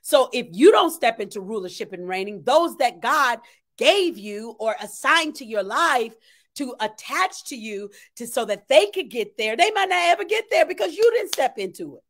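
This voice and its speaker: A middle-aged woman preaches with passion from a small indoor room in her home, her voice a little high and fairly bright, very animated at a normal speed. Emphatic exhortation and repeated phrases lend her sermon weight.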